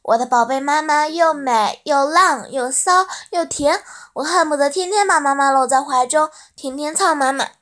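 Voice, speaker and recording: A woman reading the lines of an eager, flattering young man in a plain, unhurried way, without changing her voice much. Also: high-pitched.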